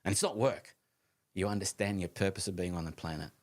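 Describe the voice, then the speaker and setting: In his fifties—late fifties, in fact—this man co-hosts a live conversation show, speaking in a low, brisk voice. He talks in an animated, emphatic way, often restarting sentences and dropping the occasional casual swear word.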